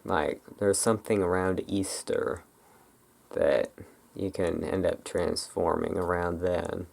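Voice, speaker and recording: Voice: sits low, fairly even intonation, slow, creaky, darkish tone. An ASMR creator chatting casually and off the cuff, rambling and hesitant, often trailing off. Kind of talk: casual improvised ASMR chat.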